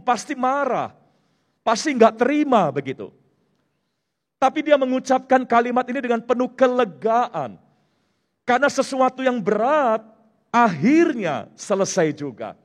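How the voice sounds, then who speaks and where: Guy pastor with a really high voice, preaching, long church reverb. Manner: explanatory preaching, mixing in English terms. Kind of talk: sermon.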